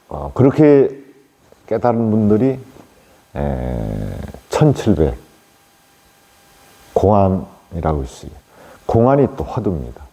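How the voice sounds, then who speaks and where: A male Buddhist monk giving a plain, unhurried dharma talk on meditation to lay listeners, with many fillers and tag questions. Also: lowish voice, gravelly, dark tone, husky, poor audio.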